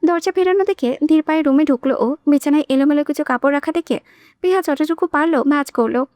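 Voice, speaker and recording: A woman narrates a romantic novel in a high, clear voice. The recording is close and dry, with no room sound. She gives the characters' lines a touch of their own tone. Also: brisk, a little mellow, no echo. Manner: reads all characters herself, shifting tone for quoted lines. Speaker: audiobook narrator.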